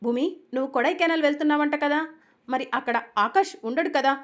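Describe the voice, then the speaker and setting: A woman's voice: high voice, quick pace, pitched above the performer's own voice, lightly acted. A woman reading the lines of a dismissive, sarcastic young man in a retold serial story.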